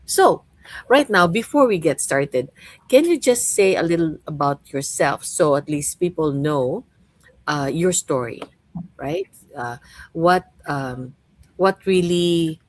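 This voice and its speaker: A woman's voice: sits low, no room sound, rough recording. A middle-aged woman from the Philippines hosting a podcast chat as a coach, chatty and full of "you know" and "right?" tags. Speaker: host and coach.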